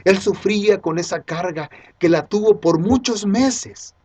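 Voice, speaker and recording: A man's voice: high-pitched, measured pace, a little mellow. A pastor preaching a sermon, earnestly calling his listeners dear friends. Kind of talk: radio sermon.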